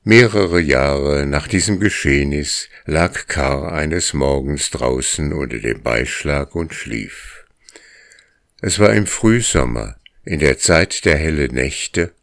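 Male audiobook narrator with a very deep, unhurried read and a dry, close sound. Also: vocal fry, no echo. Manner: slow, measured storytelling. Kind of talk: scripted narration.

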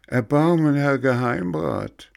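A man voicing a brave wooden puppet boy who pleads in a raised, imploring voice in a storybook reading. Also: slow. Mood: pleading. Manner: high, imploring, heroic.

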